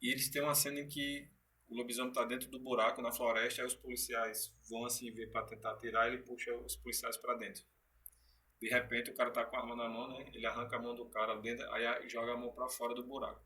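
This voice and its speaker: A man's voice: medium pitch, level tone, fast talker, pushed and bright. A man being interviewed as a guest actor, telling stories animatedly in casual chat with frequent restarts. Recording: distant from the mic.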